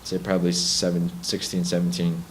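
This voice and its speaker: A young adult man, a musician guest, telling stories in a relaxed, reflective way with hesitant restarts. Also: sits low, fairly quick, a little hiss or hum, low-quality recording. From Bronx, New York. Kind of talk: casual interview chat.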